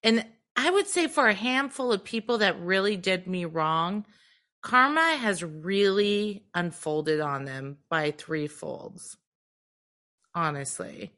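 A woman's voice: mid-range voice, animated, slow, sharp tone. A woman co-hosting a podcast, talking candidly in casual chat, swearing freely and leaning on fillers like "like" and "um". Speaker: podcast co-host.

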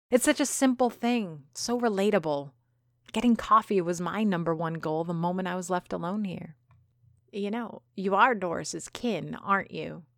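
A woman's voice: fairly low pitch, dry recording, studio quality. A woman reading a first-person story aloud with wry, sarcastic asides. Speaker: audiobook narrator. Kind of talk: first-person scripted narration.

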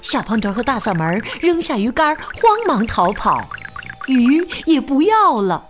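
A woman narrating a children's storybook in an expressive, animated way. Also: high-pitched, normal speed, soft background music.

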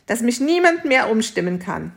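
A woman voicing a timid, excitable farmer man who exclaims breathlessly with joy. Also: a little high, normal speed, gravelly. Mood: overjoyed.

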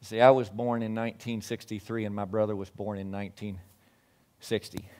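A man in his sixties preaching a sermon, telling Bible stories, acting out the voices and rising loud at the high points. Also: level tone, brisk. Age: 60s. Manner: storytelling preacher who acts out voices and swells loud at climaxes. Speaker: pastor.

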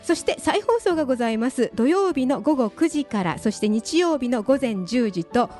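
A woman's voice: high voice, animated, normal speed, a little mellow, faint music behind. A woman hosting a radio talk show, chatting politely and attentively and laughing easily. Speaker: radio host.

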